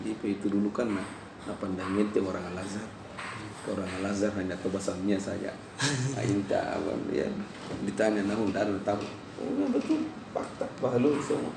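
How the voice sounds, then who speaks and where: Man teaching grammar in a roomy class. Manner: digressive storyteller, drops his voice low, frequent checks "jelas?". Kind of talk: classroom lesson on Arabic grammar. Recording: roomy class recording from far off with faint noise.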